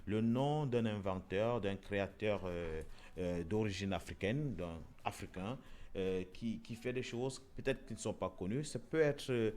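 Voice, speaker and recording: A man's voice: fairly low pitch, a little slow, a little mellow. A man hosting a casual discussion show, talking with frequent fillers, repeated words and restarts. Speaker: show host.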